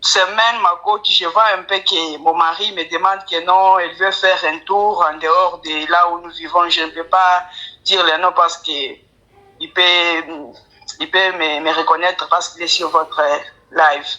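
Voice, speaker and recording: A woman with a Congolese accent telling her story as a deferential caller, in halting, broken French as a non-native speaker with grammar slips. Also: lowish voice, little pitch movement, bright, forceful tone, low-quality recording. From Kinshasa, Congo. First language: not French; speaks it with difficulty. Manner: deferential, often addressing the coach by title. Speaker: caller to a live coaching show. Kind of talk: personal storytelling.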